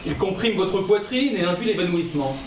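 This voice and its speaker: A man's voice: high voice, animated, a little fast, noisy background. A man playing a mysterious physician count in a costume stage drama, formal and commanding. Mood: curt, calm. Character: mysterious, curt male physician-sorcerer count. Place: theatre stage in Paris. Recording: echoey stage from far off, birdsong.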